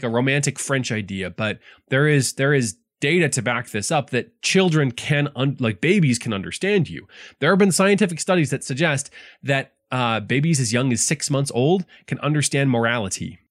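A man co-hosting a casual chat, explaining a book in an animated way with many fillers and restarts. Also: medium pitch, fairly quick, no room sound, clean studio sound. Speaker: podcast co-host presenting a book.

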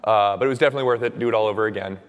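A young preacher with a slightly low voice, hoarse and raspy from days of shouting, races through a sermon and prayer. He speaks earnestly and casually, peppered with "uh" and "um", while a church hall's long echo and a muffled recording blur his words.

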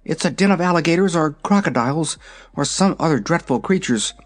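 A storybook reader voicing a frightened pet kitten who talks quickly and in alarm. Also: mid-range voice, animated, voice pushed up, lightly acted. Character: frightened pet kitten, sharp-eyed and blunt.

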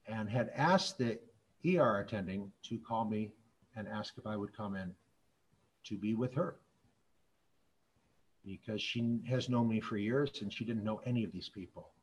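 A middle-aged man, a physician, telling stories in a public talk in an earnest, measured way. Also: on the low side, rough recording. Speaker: physician and speaker.

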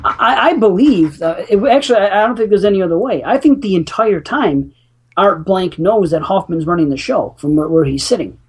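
Husky guy pushing his point hard, swears constantly. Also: high voice, animated, brisk. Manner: argumentative, heavy swearing. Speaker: podcast co-host. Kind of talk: casual chat.

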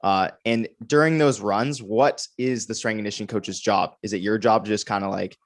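Brief: a podcast host, a man with a lowish voice, asking long questions and restarting them as he goes. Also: fairly even intonation, moderate pace. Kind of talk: interview questions.

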